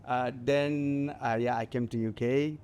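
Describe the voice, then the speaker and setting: A man in his forties from Nepal, speaking with a Nepali accent, talking haltingly with many fillers as a guest on a festival stage interview. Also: medium pitch, fairly even intonation, darkish tone, smooth. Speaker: guest mountaineer.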